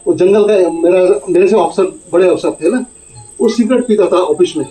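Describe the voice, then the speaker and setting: Older guy preaching a rambly testimony in church, high dark voice, echoey hall far from mic. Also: normal speed. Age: 60s. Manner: rambling, repetitive, tag questions. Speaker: church elder giving testimony. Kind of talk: testimony sermon with storytelling.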